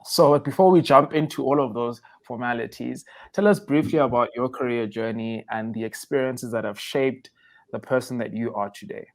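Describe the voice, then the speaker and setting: A man's voice: mid-range voice, moderate pace. A man hosting an interview, asking questions in a conversational, encouraging way. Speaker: host.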